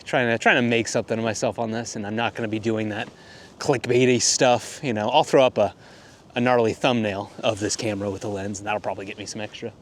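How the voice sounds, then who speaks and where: A man's voice: on the low side, steady tone, fast. A man who is a landscape photographer, talking in a rambling, laid-back, self-deprecating way on a casual walk-and-talk vlog outdoors on a cold morning. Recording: wind buffeting the mic outdoors.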